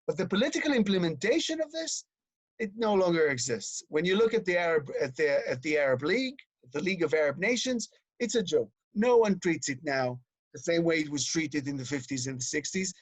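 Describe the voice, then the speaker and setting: A man's voice: high voice, dry recording. A man speaking as a guest educator, explaining in a lecturing way that piles up example after example. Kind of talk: explanatory conversation.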